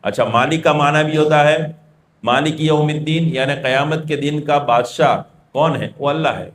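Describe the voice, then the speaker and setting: Man preaching in a roomy hall. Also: fairly high pitch. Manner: explains with everyday examples and asks his own questions. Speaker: religious preacher. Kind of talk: storytelling sermon.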